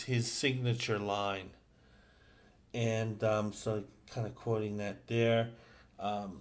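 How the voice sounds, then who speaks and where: Slow, halting man recapping comics. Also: medium pitch. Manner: halting, many fillers and restarts. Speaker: comic book reviewer. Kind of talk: casual recap.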